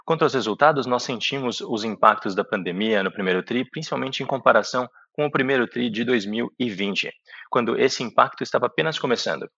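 A Brazilian man interpreting a business presentation live, with halting phrasing. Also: mid-range voice, creaky, fairly bright tone. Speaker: simultaneous interpreter for an executive. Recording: dull, echoey conference call audio.

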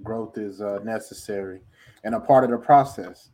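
A man's voice: fairly low pitch, normal speed, warm tone. A man interviewing an author, polite and formal, calling him sir. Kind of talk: interview questions.

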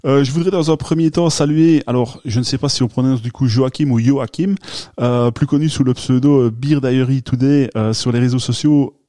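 A man's voice: medium pitch, steady tone, moderate pace, warm tone, no room sound, studio quality. A man hosting a casual podcast, talking in a hesitant way with many fillers and restarts. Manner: laughs at his own accent. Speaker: podcast host.

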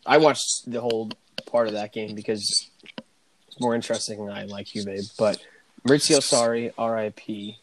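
A man's voice: lowish voice, fairly even intonation, normal speed, noisy background. Man joking about football in casual chat.

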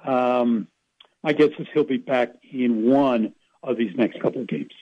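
A man's voice: medium pitch, unhurried, slightly rough, dry recording, lo-fi sound. A man calling in to a radio show as a sports reporter, chatting casually with rambling, folksy asides. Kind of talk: casual radio phone-in chat.

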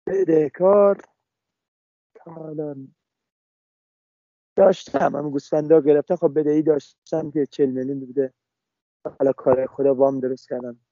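A young man speaking over a phone line in an interview, talking haltingly with many restarts and fillers. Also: a little high, steady tone, mellow, no echo. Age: young adult. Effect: heard over a phone line.

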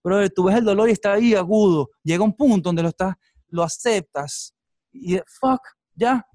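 A man's voice: sits high, a little fast, no echo, studio quality. A man with a Venezuelan accent, a podcast guest chatting casually and telling stories in an intense, profane way. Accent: Venezuelan Spanish. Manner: intense, profane, animated storytelling. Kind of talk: casual chat.

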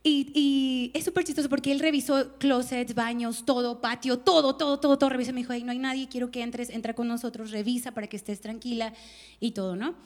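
A woman's voice: fairly high pitch, a little fast. A woman pastor, telling a personal story in a conference sermon and acting out the voices of the people in it. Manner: animated storytelling, laughing, acting out quotes. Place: conference stage.

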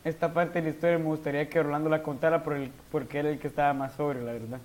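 A man's voice: a little high, fairly even intonation, rapid-fire, a little mellow. A young man, joking and egging his friends on while they tell a party story. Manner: joking, interjecting, egging others on. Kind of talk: casual chat, storytelling among friends.

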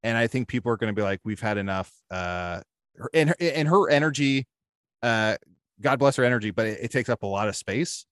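A man's voice: mid-range voice, lively intonation, brisk, a bit bright, no echo. A man in casual podcast chat who rambles and hedges, thinking aloud as he talks.

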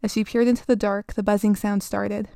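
A woman host narrating a scripted spooky story in an even, measured reading. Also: medium pitch, gravelly, no room sound, clean studio sound.

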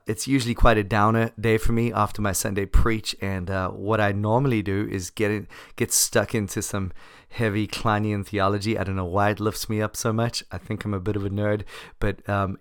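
A man with a low, gravelly voice, a little hoarse from laryngitis, talks casually as a solo podcast host. He is self-deprecating and wry, and the sound is close and dry. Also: dry recording.

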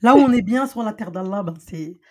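A woman hosting a podcast in a casual interview chat, lively and quick to laugh when telling stories. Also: mid-range voice. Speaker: podcast host.

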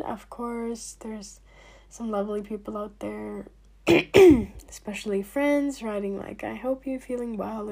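Husky young woman, casual vlog chat. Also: mid-range voice, warm tone. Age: young adult. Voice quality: husky, slightly hoarse. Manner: chatty, frequent fillers, drops to near-whispers. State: recovering from illness, clearing throat. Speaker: vlogger. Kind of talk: casual talk to camera.

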